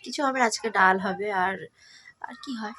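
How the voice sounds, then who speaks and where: A woman's voice: medium pitch, moderate pace, sharp tone. A young woman with a Bengali accent, vlogging in a casual, chatty way to her viewers on a phone camera. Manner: chatty, addresses viewers as friends. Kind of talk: casual vlog chat.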